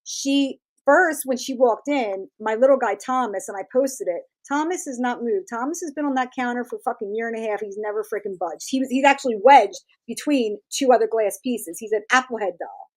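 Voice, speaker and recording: A woman in her forties, a tattoo artist guest, telling stories in a lively, laughing way and acting out what others said. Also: fairly high pitch, fairly quick. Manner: animated, laughing, acts out quoted voices. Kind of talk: casual storytelling interview.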